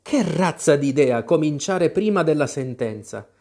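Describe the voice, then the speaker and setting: A man's voice: on the high side, expressive, moderate pace, a little mellow. A man voicing a bold, outspoken young girl. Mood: defiant. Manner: defiant, outspoken.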